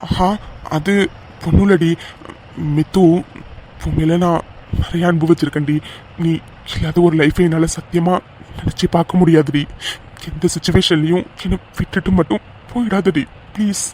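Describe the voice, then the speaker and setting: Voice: medium pitch, fairly even intonation, normal speed, pauses often, darkish tone, a little hiss or hum, close to an everyday voice. Someone voicing a guilt-ridden lovesick young man. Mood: pleading. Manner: pleading, earnest and emotional. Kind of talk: cartoon voice dub.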